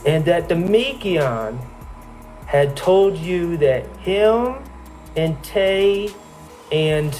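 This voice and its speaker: A man working as a defense attorney, cross-examining a witness in court with measured, pointed questions that often end in "correct?". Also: a little high, animated, darkish tone, faint music behind, low-quality recording.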